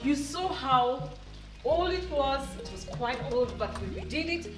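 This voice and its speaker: A woman's voice: sits high, lively intonation, a little slow. A woman presenting a home makeover reveal in a gushing, delighted, admiring way. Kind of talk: makeover reveal vlog narration. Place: indoors in a house, walking between rooms. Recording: roomy echo, distant mic, background music. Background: music.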